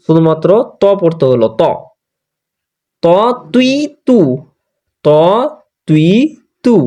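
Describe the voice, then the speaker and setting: Fairly high-voiced guy teaching quran sounds, slow, repeats letters over and over. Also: a little mellow. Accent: Bangladeshi Bengali. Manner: patient, drills letter sounds slowly and repeats them. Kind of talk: online tajweed class recap.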